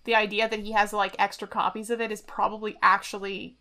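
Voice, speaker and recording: A woman co-hosting a podcast, chatting casually and musing out loud with frequent asides. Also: mid-range voice, level tone, fairly quick. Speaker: podcast co-host.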